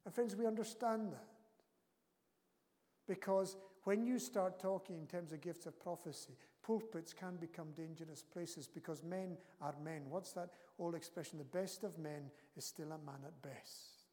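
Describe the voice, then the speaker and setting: Emphatic preacher in a reverberant church. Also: male voice, fairly high pitch, steady tone, moderate pace, mellow. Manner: earnest, emphatic preaching with rising and falling intensity. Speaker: pastor. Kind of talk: sermon. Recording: long reverb of a church hall.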